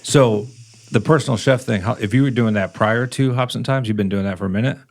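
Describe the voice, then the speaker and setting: A man's voice: medium pitch, quick pace. A man hosting a podcast, asking short, curious follow-up questions in a casual interview. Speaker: podcast host.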